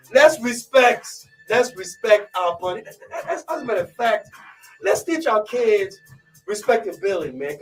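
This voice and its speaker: A man from Côte d'Ivoire hosting a live radio show, hyping listeners and filling every pause with "you know what I'm saying". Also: high-pitched, recorded from a distance, rough recording. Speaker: radio host.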